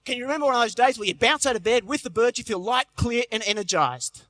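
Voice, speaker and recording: A middle-aged Australian man works a big conference crowd with quick jokes and stories. His voice sits high and sounds bright and forceful. The sound is close and dry, with no room echo. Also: lively intonation. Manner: jokey storytelling, punchy delivery. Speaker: motivational health speaker. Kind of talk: live conference speech. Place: large convention hall stage.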